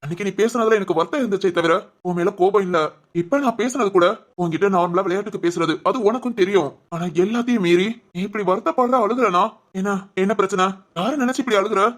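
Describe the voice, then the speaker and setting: A man voicing a young husband in an animated family story, who nags with quick questions and then coaxes gently. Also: sits high. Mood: worried. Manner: quick, bossy questioning that turns coaxing.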